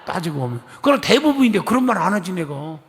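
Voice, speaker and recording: A middle-aged man from Korea's Chungcheong region preaching a lively, chatty sermon, acting out conversations and coaxing the congregation to respond. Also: high-pitched, quick pace. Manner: chatty storytelling, acting out dialogue. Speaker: pastor. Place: church sanctuary. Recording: long church hall reverb.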